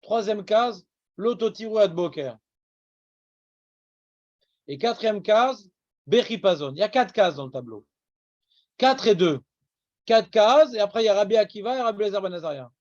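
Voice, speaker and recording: A man with an Iranian accent teaching a Talmud lesson to a class, brisk and teasing, scolding students. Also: sits high, expressive, darkish tone, no echo, muffled recording.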